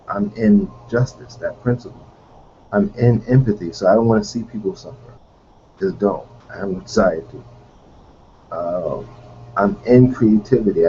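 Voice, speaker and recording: A man hosting a live online hangout, musing in a rambling way, with fillers and restarts. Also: on the low side. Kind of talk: casual livestream monologue. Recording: dull lo-fi audio with faint noise.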